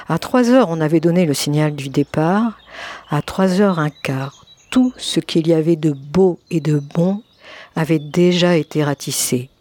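A woman narrating an audiobook story with expressive, lively storytelling. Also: on the low side. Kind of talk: audiobook reading.

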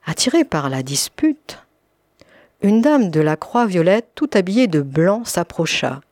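A woman narrating an audiobook story with expressive, lively storytelling. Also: fairly low pitch, unhurried, dry recording, clean studio sound. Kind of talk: audiobook reading.

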